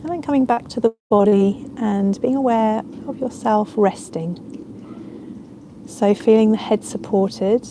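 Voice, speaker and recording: The recording is rough, with slight background noise, as a woman teaching yoga nidra guides listeners through relaxation. Her medium-pitched voice is gentle and unhurried, set against ambient sound.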